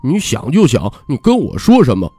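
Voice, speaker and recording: A man's voice: medium pitch, huge pitch swings, moderate pace, mellow, husky, no room sound, soft background music. A man voicing a sulky, indignant little boy monk who complains in a whiny tone. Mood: angry.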